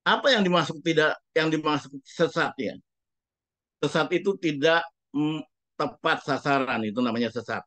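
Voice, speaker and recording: A man's voice: fairly high pitch, moderate pace, fairly bright tone, dry recording. A man preaching a sermon as a pastor, speaking emphatically and putting rhetorical questions to the congregation.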